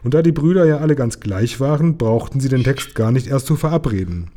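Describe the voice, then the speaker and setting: Mellow-voiced man reading a children's story. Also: medium pitch, lively intonation, brisk. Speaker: reader of a children's book.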